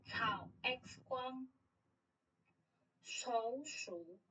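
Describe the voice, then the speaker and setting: A woman student reads vocabulary aloud, one word at a time. Her bright, sharp voice moves very slowly. She sounds careful over each word. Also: fairly high pitch, poor audio.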